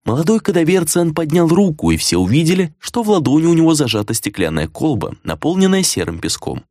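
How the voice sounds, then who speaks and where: A man narrating a fantasy novel in an expressive, dramatic reading. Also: a little high, brisk, no echo, studio quality. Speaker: audiobook narrator. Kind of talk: scripted narration.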